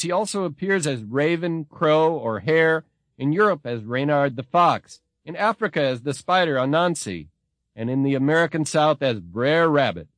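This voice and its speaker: A man giving a measured, expressive scripted narration as a narrator. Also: a little high, dry recording.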